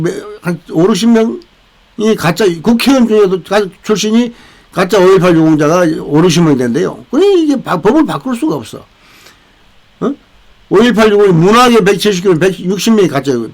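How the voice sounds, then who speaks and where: Older man, high voice, rambling political commentary, repeats himself, "eh?" tag questions. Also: poor audio. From South Korea. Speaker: veterans' channel host.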